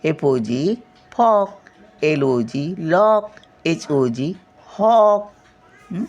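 Older grandmother teaching kids spelling; very unhurried, letter-by-letter delivery with check-ins. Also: sits low, expressive, a little mellow, highs cut off. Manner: spells out each word slowly then says it, checking with "हं?". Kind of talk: slow spelling lesson, letter by letter.

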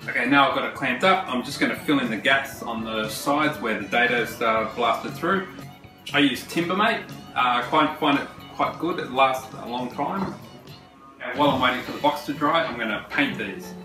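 A man, a woodworking host who explains a project in a relaxed, chatty way with fillers. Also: mid-range voice, moderate pace. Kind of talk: casual how-to narration. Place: large home workshop, indoors. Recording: roomy workshop sound, mic at a distance, music under the voice. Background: background guitar music.

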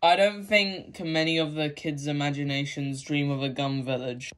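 A woman acting out every toy in a homemade toy-train story, often jumping to high, excited outbursts. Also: normal speed.

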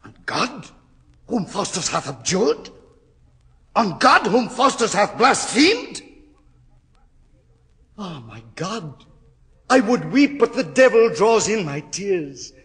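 An actor playing a desperate male scholar facing damnation, swinging from hushed, husky whispers to anguished cries. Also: a little high, very animated, takes it slowly, exaggerated voice. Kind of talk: classical stage acting. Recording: hall reverb.

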